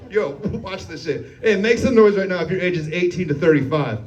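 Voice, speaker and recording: Live from a comedy club stage, a young man with a high-sitting voice delivers crude, brash stand-up at a moderate pace, laughing at his own jokes and playing to the audience. The recording is noisy, taken a little far from the mic, with the crowd clearly heard.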